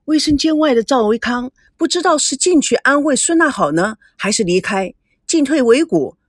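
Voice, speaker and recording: A woman narrating an audiobook in an expressive storytelling manner. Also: sits high, normal speed, slightly rough, no echo.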